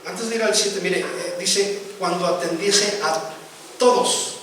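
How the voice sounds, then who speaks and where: A male pastor with a high voice delivers a sermon, stressing points and checking in with his listeners. He sounds far from the mic in a very echoey church hall. Steady room noise sits under him. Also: unhurried. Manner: preaching with rising emphasis and frequent "¿verdad?" asides.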